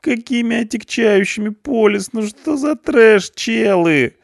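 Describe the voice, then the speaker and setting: A man's voice: sits high, animated, measured pace, vocal fry, dry recording, studio quality, pitched above the performer's own voice, heavily acted. A man voicing a panicky eighteen-year-old punk boy behind bars, whining and pleading in slang. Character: panicky whiny teenage punk boy in jail.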